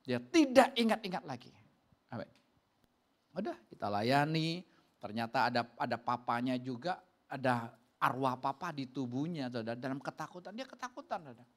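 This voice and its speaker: A man, a pastor preaching a sermon and telling stories with laughter, lifting his voice high when he quotes people. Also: moderate pace. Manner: animated storytelling, jumps high for quoted voices; laughs between lines.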